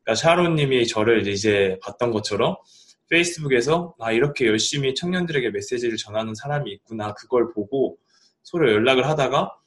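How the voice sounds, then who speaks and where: A man's voice: mid-range voice, fairly quick. A young adult man from South Korea, chatting casually as a guest in a podcast interview. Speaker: podcast guest, life coach and author.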